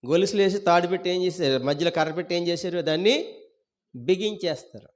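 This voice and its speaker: A male pastor with a Telugu accent preaching a sermon, asking the congregation questions and repeating key phrases. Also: fast talker. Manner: rises loud on key words, then drops low at line ends.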